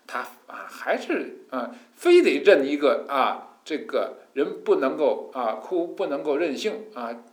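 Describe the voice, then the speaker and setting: Animated, folksy man preaching in an echoey room. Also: a little high, unhurried, hardly any pauses. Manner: animated and folksy, with mock voices and hushed asides. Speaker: Buddhist teacher. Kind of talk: colloquial sermon explaining scripture.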